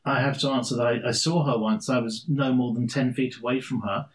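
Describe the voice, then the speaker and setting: A man's voice: mid-range voice, steady tone, fairly quick, low-quality recording. A middle-aged man from London with an English accent, a stand-in guest telling long stories in a dry, self-deprecating way on a casual podcast. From London, England.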